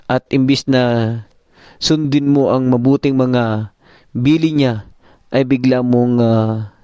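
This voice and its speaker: A man's voice: medium pitch, mellow, clean tone, no echo. A man preacher telling a story and giving a morning devotion sermon, calling his listeners brethren, on a dull, dry recording.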